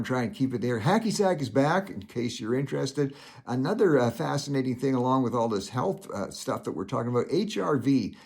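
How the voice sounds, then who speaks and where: A man's voice: medium pitch, a little mellow. An older man hosting a casual solo commentary show, folksy and rambling, with many filler sounds. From Canada.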